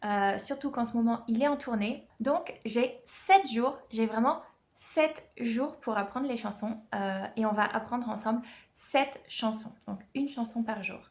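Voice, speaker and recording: A chatty woman with a fairly high voice talks casually to her camera at home. She pokes fun at herself and sounds out each syllable slowly, like a beginner. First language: French. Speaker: language-learning vlogger. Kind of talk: casual vlog.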